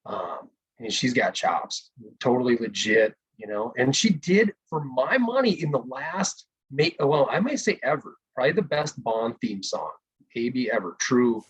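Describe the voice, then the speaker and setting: A man co-hosting a casual podcast chat over a video call, animated and laughing often. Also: mid-range voice, measured pace, breathy edge, poor audio. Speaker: podcast co-host.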